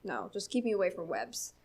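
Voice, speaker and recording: This church speaker is a young woman from Newfoundland with a lowish, slightly rough voice. She tells a casual, chatty story peppered with fillers and laughs.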